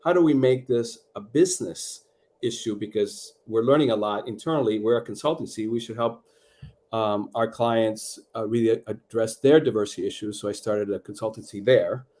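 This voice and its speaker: A middle-aged man from Peru, a guest author talking in a measured, reflective way with many fillers over a video call. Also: fairly low pitch, mellow. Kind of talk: conversational interview.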